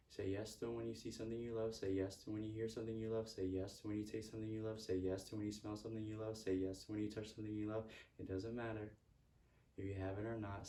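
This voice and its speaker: A man's voice: fairly low pitch, mellow, far from the mic, a little hiss or hum. A man giving a motivational self-help talk, repeating earnest affirmations. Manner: earnest, repetitive affirmations with stray laughs. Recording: echoey room, speaker off-mic.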